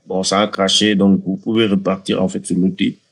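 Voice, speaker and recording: A man with a fairly low voice hosts a casual software tutorial. He talks the viewer through each step and often hesitates and restarts mid-sentence. He sounds like he is on a desktop mic. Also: flat delivery, brisk, creaky, husky. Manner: hesitant, many fillers and restarts, addresses viewers directly. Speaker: tutorial host. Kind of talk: casual screen-recording tutorial.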